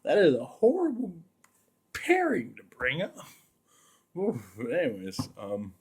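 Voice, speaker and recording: A man's voice: a little high, wildly swooping pitch, unhurried, a little mellow, breathy edge. A man casually reviewing a film while drinking, rambling and swearing with lots of fillers. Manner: rambling, profane, full of fillers. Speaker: movie reviewer.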